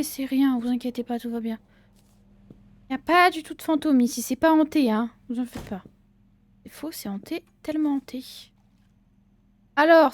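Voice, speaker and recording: Brief: woman gaming creator, casual horror-game commentary, playful and loose-mouthed, voice a touch high. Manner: chatty, jokey, talks back to game characters; casual swearing and slang. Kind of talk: let's-play commentary.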